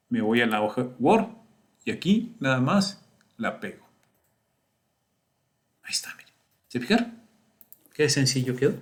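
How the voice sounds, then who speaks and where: Patient teacher, man. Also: mid-range voice. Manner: patient, explaining step by step and often checking "¿sí?" and "miren". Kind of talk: recorded screen-share statistics lesson.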